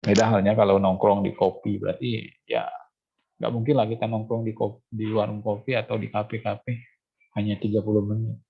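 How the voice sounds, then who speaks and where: A man's voice: on the low side, level tone, normal speed, vocal fry, breathy edge, narrow, tinny audio. A man lecturing to university students, explaining step by step with many fillers and restarts and checking whether they follow. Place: classroom or online class.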